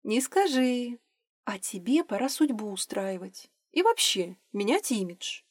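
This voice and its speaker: A woman voicing a lively, teasing young woman in an audiobook, speaking in exclamations. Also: on the high side, a little slow, breathy edge, no room sound, clean studio sound, heavily acted.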